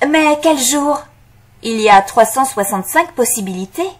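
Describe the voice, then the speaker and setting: A woman's voice: fairly high pitch, lively intonation, moderate pace, husky. A woman playing an eager young student on a puzzle hunt in a scripted audio story for language learners.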